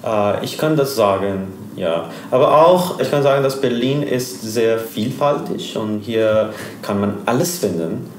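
Slow, hesitant man with a Persian accent. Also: fairly low pitch, echoey room, slight background noise. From Iran. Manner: hesitant, searching for German words, many fillers. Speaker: guest. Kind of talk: interview.

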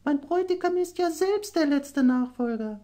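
Sursula Picci, a high, dark-toned mermaid princess. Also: male voice, animated. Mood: sorrowful. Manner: soft, high storytelling voice with slow, drawn-out phrases. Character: tearful young mermaid princess, gentle and sorrowful. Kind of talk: audiobook character voice.

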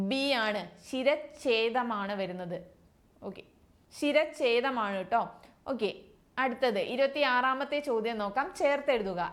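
A woman from Kerala teaching an exam prep language lesson, reading each multiple-choice option and then confirming the answer with a steady "okay, next". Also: a little high. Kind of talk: quiz-style language lesson.

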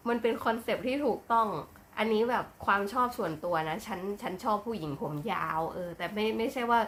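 A woman vlogger giving an excitable, casual reaction commentary, full of gasps and crude slang. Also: mid-range voice, fairly quick, a little hiss or hum.

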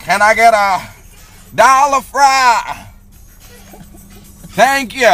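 A man orders at a drive-through from his car in a very high, bright voice. He takes his time, and his casual, polite order is marked by pleases and thank-yous. Faint music plays behind him. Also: drawn-out words.

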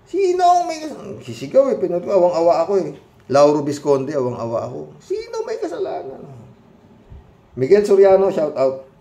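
Middle-aged male vlogger, gravelly and a touch high, emphatic rhetorical commentary to viewers. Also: very animated, brisk. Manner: emphatic, heated rhetorical questions, frequent "oh" interjections; quieter and more subdued when reading comments and signing off. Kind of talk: casual spoken commentary to viewers.

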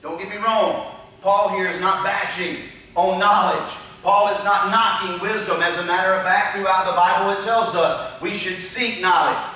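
Same pastor, same dark stage with its projection screen: this middle-aged man holds a handheld mic and stacks repeated phrases into long rhetorical lists. His high, steady voice moves at a normal speed with a sharp tone, and a faint hiss or hum sits under the recording. Filmed from far back, the church hall echoes around him.

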